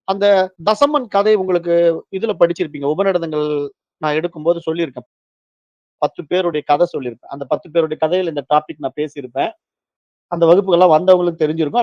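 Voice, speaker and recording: A man's voice: high voice, darkish tone, no room sound, highs cut off. A man teaching a recorded philosophy lesson as a spiritual teacher, explaining points through a story with acted quotes.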